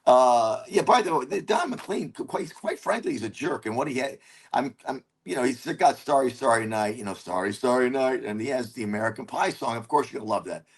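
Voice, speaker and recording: A man telling a comedy story in a casual interview, animated and swearing as he acts out his own lines. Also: medium pitch, fairly quick, breathy edge. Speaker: comedian guest.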